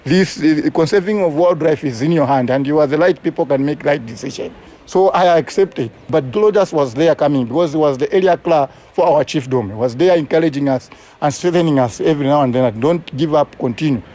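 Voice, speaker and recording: A man's voice: fairly high pitch, fairly quick, mellow. Earnest Zambian man recalling conservation work. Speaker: community conservation coordinator. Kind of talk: interview recollection.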